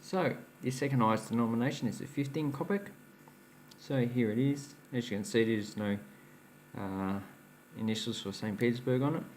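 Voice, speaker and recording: This man hosts a relaxed coin-collecting vlog, explaining things chattily and chuckling when he trips over his words. He has a medium pitch and a darkish tone, and there's slight background noise.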